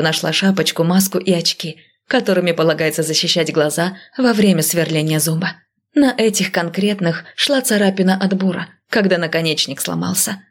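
Low-voiced woman narrating an audiobook. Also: vocal fry. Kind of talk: scripted first-person audiobook narration.

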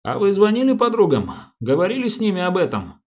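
A man voicing a calm, businesslike male police detective who asks polite, measured questions in an audiobook. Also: high voice, voice pushed up. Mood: questioning.

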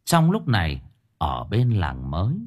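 A man narrating a spooky audiobook story in an expressive, vivid way. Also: low-pitched, unhurried, slightly rough. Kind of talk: dramatic horror story narration.

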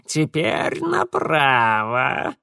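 Man doing a croaking otherworldly creature. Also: mid-range voice, huge pitch swings, pushed and bright, no echo, clean studio sound, exaggerated voice. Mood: sardonic. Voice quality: hoarse, creaky. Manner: slow, curt croaks. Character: raspy croaking female spirit creature, sardonic.

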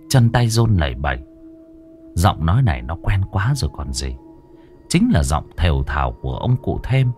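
A man's voice: deep voice, a little mellow. A man narrating a scripted ghost story in a dramatic, lingering way.

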